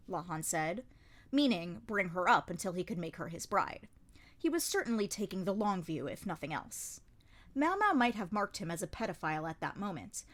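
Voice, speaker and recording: A woman narrates a novel as a fan audiobook. Her reading is expressive, her pitch swings freely in a middle range.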